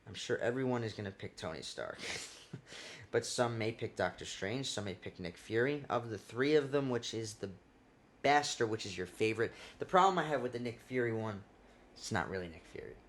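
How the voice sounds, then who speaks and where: Casual lower-voiced man hosting a podcast. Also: animated, fairly quick, slight background noise. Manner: loose, joking, swears casually. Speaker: podcast host.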